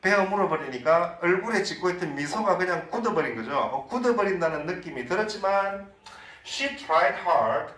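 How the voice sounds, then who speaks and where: Korean-accented guy teaching english reading, high voice, jumps all over in pitch, roomy sound. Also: lively intonation, a bit bright, recorded from a distance. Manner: explains in Korean, reads English lines slowly. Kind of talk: online lecture.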